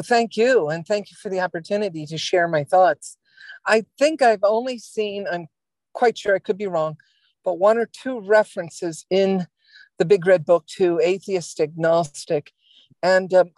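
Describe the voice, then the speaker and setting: A woman shares her view in an online meeting with earnest, deliberate phrasing. Her voice sounds dry and close, with no room around it. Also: lowish voice, a little mellow, dry recording. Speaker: meeting participant. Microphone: video call.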